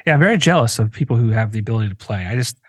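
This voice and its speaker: This is a medium-pitched man in his forties, a podcast host from northeastern Pennsylvania, racing along with a breathy edge. The clean studio sound has no room sound. In casual chat he's an animated storyteller who pokes fun at himself and curses without restraint.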